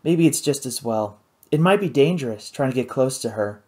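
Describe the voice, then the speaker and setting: A woman reading an audiobook, voicing a thoughtful, cautious teenage boy in a measured, understated way. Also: rumbling low, animated, warm tone, breathy edge, full character voice.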